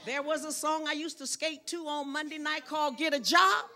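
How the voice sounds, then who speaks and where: An older woman preaching as a guest in church, lively with loud bursts of exclamation. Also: high-pitched, a little fast. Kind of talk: sermon. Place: church sanctuary.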